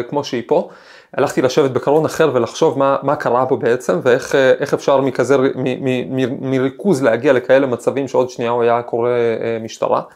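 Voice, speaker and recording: A man at a mid pitch hosts a podcast as a professor. He talks reflectively, weaving personal anecdotes into the ideas, often pausing to search for words. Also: a little mellow. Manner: thoughtful, storytelling, frequent hesitations.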